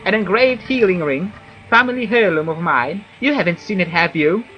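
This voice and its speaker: A man's voice: sits high, animated, moderate pace, highs cut off, soft background music, pitched above the performer's own voice. A man voicing a chatty, nervous wood elf commoner from a video game in a perky, gossipy christmas elf manner. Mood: aggrieved, fretful. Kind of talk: video game character read aloud.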